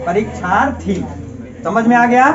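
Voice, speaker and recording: A man's voice: very high voice, a little slow, a crowd in the background. A man teaches a class, firing questions at his students and drilling each answer again and again. The recording sounds dull and lo-fi, with a room full of students audible around him. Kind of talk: classroom Hindi grammar lesson.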